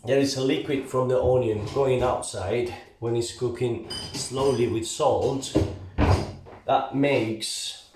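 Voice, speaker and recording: A man with a Basque accent and non-native English gives a casual, halting, step-by-step cooking tutorial as an amateur home cook. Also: mid-range voice, a little mellow. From Basque Country. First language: not English. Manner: halting, step-by-step, often checking with "okay?". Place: home kitchen, indoors. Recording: echoey room, background hiss and clicks.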